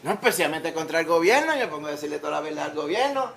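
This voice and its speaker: A man's voice: on the high side, very animated, quick pace, vocal fry, fairly bright tone, slight background noise. A man with a Puerto Rican accent preaching a sermon in church, conversational, with humor and rhetorical questions. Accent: Puerto Rican Spanish. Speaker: pastor. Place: church sanctuary.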